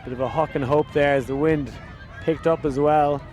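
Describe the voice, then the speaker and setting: A man's voice: fairly even intonation, normal speed, lo-fi sound, noisy background. A man with an Irish accent doing live sports commentary. His voice lifts on big plays, and he chats along with fillers in between. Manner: rises in pitch and volume on big plays, chatty with fillers.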